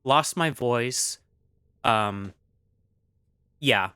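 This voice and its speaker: A man's voice: mid-range voice, very slow, sharp tone, smooth, no room sound, studio quality. A man streaming casually, rambling with many fillers as he reads chat aloud, still coughing after an illness.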